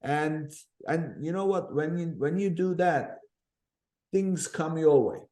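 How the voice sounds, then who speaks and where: A man's voice: on the high side, takes it slowly, mellow. Turkish-raised guy hosting a podcast, earnest, kinda rambly with lots of um and uh. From Turkey. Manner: storytelling, earnest, with frequent fillers and restarts. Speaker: podcast host. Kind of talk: conversational interview.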